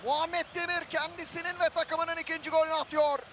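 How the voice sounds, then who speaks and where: An excited male football commentator screams the play-by-play at a very high pitch. His voice is bright and forceful. Faint stadium ambience sits behind him. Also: fairly quick, slight background noise. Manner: excited, screaming at goals and chances.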